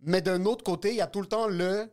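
A man's voice: sits high, fairly even intonation, fairly quick. A man in casual podcast chat, pushing back and reasoning things through. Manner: challenging, reasoning out loud.

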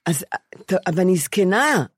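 Halting woman in her seventies, dry close sound. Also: on the low side, very animated, slightly rough, dry recording. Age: 70s. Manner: halting, many restarts and repeated words. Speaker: podcast co-host. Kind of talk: candid conversation.

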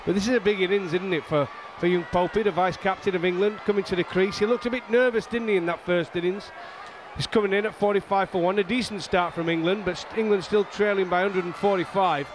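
A male cricket co-commentator with a high voice chats through his analysis, inviting agreement. Outdoor noise is clearly heard behind him. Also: fairly even intonation, fast talker, crowd noise.

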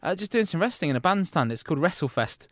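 A man's voice: fairly high pitch, big pitch swings, fast talker, no room sound. Teasing British man, dry close sound. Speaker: podcast co-host. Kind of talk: casual banter.

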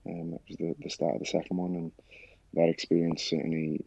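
A man telling his own story in a casual interview, halting with many fillers and restarts. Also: low voice, flat delivery, creaky, warm tone, slightly rough, dry recording, highs cut off. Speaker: guest sharing his story.

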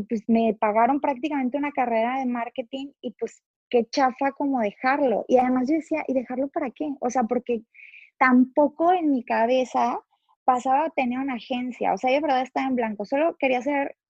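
A woman in her thirties with a Mexican Spanish accent talks through her story as a podcast guest. She is chatty and loose, with plenty of fillers and the odd swear, and she often quotes what she used to think. Her voice sits a little high, and the recording is dry and slightly dull. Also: a little fast, darkish tone, dry recording. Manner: chatty, full of fillers, quotes her own past thoughts, casual swearing. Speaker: podcast guest, agency founder. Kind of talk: casual interview storytelling.

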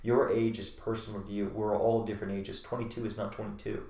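A man's voice: lowish voice, level tone, a little fast, dark tone. A man answering interview questions with earnest, emphatic motivational advice, repeating his key phrases for weight, recorded with a roomy echo. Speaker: interview guest.

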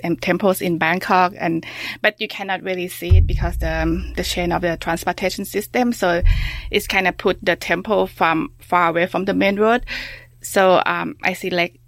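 A woman with a Thai accent, a researcher answering interview questions in a halting way, full of fillers and restarts. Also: lowish voice, vocal fry, no echo. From Thailand. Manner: halting, many fillers and restarts, soft-spoken. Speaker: researcher guest.

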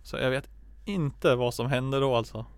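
Man, casual podcast chat, laughs a lot, emphatic storyteller, medium pitch, dry close recording. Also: clean tone, no room sound. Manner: laughs often, tells stories with emphatic repetition and swearing.

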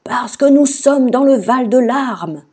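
A woman's voice: high-pitched, animated, takes it slowly, mellow, breathy edge, pitched above the performer's own voice, full character voice. A woman voicing a whiny, tearful old king in a storybook reading, wailing and petulant. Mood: scandalized.

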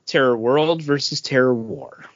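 A man with a mid-range voice talks a little slowly as he hosts a podcast in an easygoing, chatty way. There's no room sound, just a dull, dry, close lo-fi recording.

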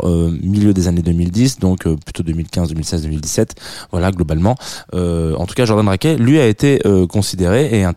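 A man in his thirties hosts a radio music show from the studio, his voice on the low side and mellow in tone. He rambles along casually, fills pauses with hesitations and pokes fun at himself, and the sound is close and dry. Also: no room sound. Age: 30s. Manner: rambling and chatty with many fillers, self-deprecating asides. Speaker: radio host.

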